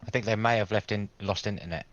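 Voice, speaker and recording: Guy on a group voice chat, talks fast and kinda low, dry muffled lo-fi sound. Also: dry recording. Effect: heard over a group voice chat. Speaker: tabletop game player. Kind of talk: casual chat during an online tabletop game. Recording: dry, dull lo-fi voice chat audio.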